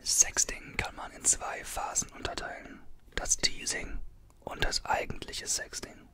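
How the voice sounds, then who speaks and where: A man in his twenties whispers in a hushed, breathy voice close to the microphone, reading aloud in ASMR style with informal, conversational asides. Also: measured pace. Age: 20s. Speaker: ASMR creator. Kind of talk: ASMR, reading an article aloud with casual comments. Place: small bedroom. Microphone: desktop condenser microphone, close up.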